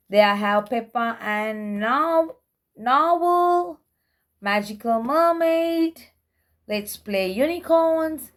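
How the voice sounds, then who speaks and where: Reading aloud for toddlers, a high-pitched woman goes very slowly, presenting children's books with a simple, deliberate, word-by-word delivery.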